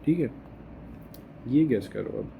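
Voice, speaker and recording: A man's voice: medium pitch, animated, slow pace, creaky, narrow, tinny audio. A man teaching a math lesson, explaining step by step and often checking with his students. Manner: mixes Hindi and English, checks understanding with "okay?". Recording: faint background noise.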